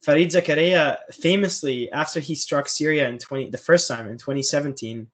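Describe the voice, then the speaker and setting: A man with a slightly high voice talks through a casual political podcast conversation. His delivery is dry and sarcastic, and he breaks into small chuckles as he speaks. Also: a little fast. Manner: sarcastic, chuckling mid-sentence.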